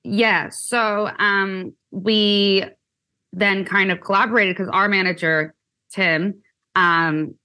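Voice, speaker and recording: A young Canadian woman who is a musician chats casually as an interview guest, filling her speech with lots of "like" and "um." Her mid-range voice is slow, pushed and bright, with fairly even intonation.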